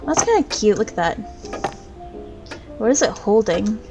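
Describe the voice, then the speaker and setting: A woman with a mid-range voice chats loosely while she plays a game, wandering from topic to topic. Her talk is relaxed and rambling, and game music plays clearly underneath her. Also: mid-range voice, normal speed, rough recording. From United States. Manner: rambling and chatty, drifts between topics. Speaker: VTuber gaming streamer. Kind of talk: casual chat over gameplay. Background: video game music.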